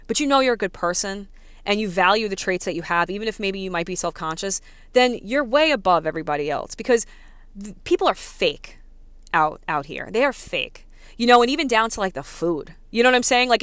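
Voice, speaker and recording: New york lady ranting on her vlog, says like a lot, smooth clear voice, dry sound. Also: medium pitch, a bit bright, dry recording. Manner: fast, filler-heavy talk with many "like"s and "you know"s. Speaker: vlogger. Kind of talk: casual rant to camera.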